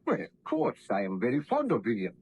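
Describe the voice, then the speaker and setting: A man's voice: mid-range voice, wildly swooping pitch, fairly quick, creaky, slightly rough, heavily acted. An actor playing an earnest, courteous young male scientist with formal, theatrical diction in 1930s radio acting. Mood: tender. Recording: dull 1930s radio recording.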